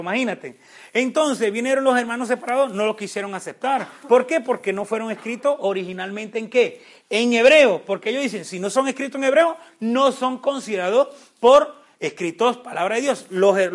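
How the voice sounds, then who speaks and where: Man, very high voice, Bible class teacher, rhetorical questions, frequent restarts. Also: a little fast. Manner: asks questions then answers them; restarts words often, animated.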